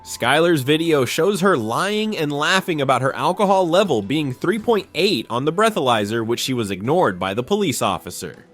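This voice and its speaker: An animated man narrates a scripted true-crime story. His pitch sits a bit high and swings widely, with formal, dramatic phrasing. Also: moderate pace, hardly any pauses, soft background music.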